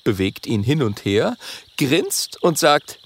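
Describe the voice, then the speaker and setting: A man narrating a children's audiobook with lively, expressive storytelling. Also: medium pitch, slow, creaky, a little hiss or hum.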